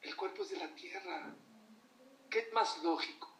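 Religious teacher, high voice, animated storyteller; echoey room, far from the mic. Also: male voice, measured pace, a little hiss or hum. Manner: animated storytelling, asks the audience questions. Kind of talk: sermon.

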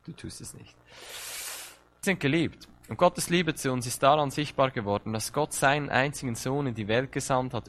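Male preacher, lower register, impassioned direct-address sermon delivery. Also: fairly bright tone. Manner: impassioned, direct address with rising emphasis and repeated words.

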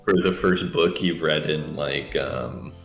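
A man co-hosting a casual podcast, teasing and deadpan, recorded in an echoey kitchen. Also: rumbling low, slow, faint music behind. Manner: teasing, deadpan banter with swearing. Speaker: podcast co-host. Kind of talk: casual chat. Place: home kitchen. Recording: echoey kitchen sound, remote mic.

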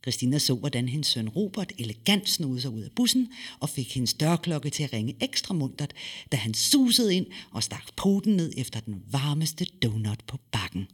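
A man reading a story aloud with lively, expressive delivery and dramatic pauses. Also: mid-range voice, husky. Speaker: narrator.

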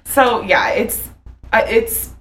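A woman's voice: fairly high pitch, takes it slowly, a little hiss or hum, poor audio. A woman co-hosting a true-crime chat, casual and chatty with lots of fillers and outraged asides. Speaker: podcast co-host.

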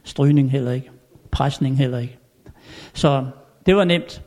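An older man telling anecdotes in a chatty way, chuckling often and filling pauses. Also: mid-range voice, darkish tone. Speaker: storyteller. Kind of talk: anecdotal storytelling.

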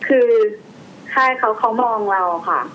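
Young woman telling a story haltingly. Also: a bit bright. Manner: hesitant, halting delivery with many fillers. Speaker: guest storyteller. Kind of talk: casual storytelling. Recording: slightly dull, faint background noise.

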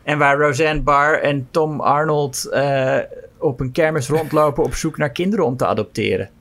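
A man's voice: a little high, moderate pace, a bit bright. A man co-hosting a podcast, discussing horror films casually with hesitations, repeated words and frequent laughs.

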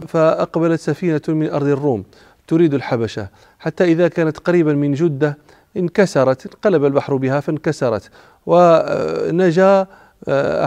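A man's voice: on the high side, a little mellow, dry recording. A man giving a religious lecture, explaining old words as he goes and often stopping to restart a word. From Morocco. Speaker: religious teacher. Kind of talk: classical Arabic lecture on the Prophet's life.

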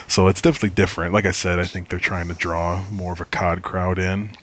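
A man with a fairly low voice hosts a casual gaming podcast. He is laid-back and swears freely, and his chat is easygoing and often breaks into laughter. He sounds over thirty. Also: little pitch movement, fast talker, fairly bright tone.

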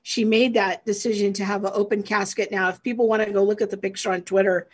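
Husky-voiced woman host asking questions. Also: mid-range voice, little pitch movement, fast. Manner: prompting, questioning. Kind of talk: casual discussion.

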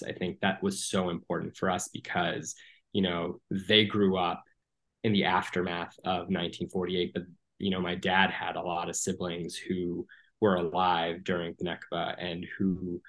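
A man in his thirties from the United States speaks as an interview guest in a low, even voice that barely rises or falls. He talks earnestly and steadily, leaning on "um" and "you know" as he gathers his thoughts. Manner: earnest, measured, many "um" and "you know" fillers. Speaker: guest, former political appointee. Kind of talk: podcast interview.

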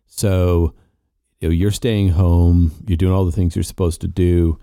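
Deep, very mellow male podcast host. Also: flat delivery, a little slow, clean tone, no room sound, clean studio sound. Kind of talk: casual chat.

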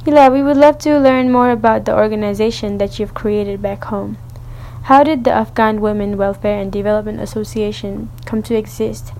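Young woman host, gravelly voice. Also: medium pitch, fairly even intonation, warm tone, slight background noise, poor audio. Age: young adult. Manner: measured, scripted. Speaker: intern, show host. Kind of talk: read introduction and interview questions.

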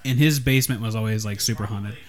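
A young man co-hosting a podcast, telling a story in a relaxed, rambling way with lots of fillers. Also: lowish voice, quick pace. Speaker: podcast co-host. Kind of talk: casual chat.

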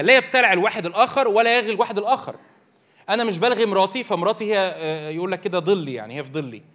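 A man's voice: sits high, sharp tone. A man with an Egyptian Arabic accent teaching a church youth meeting from slides, often asking the audience questions. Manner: engages the audience with repeated questions.

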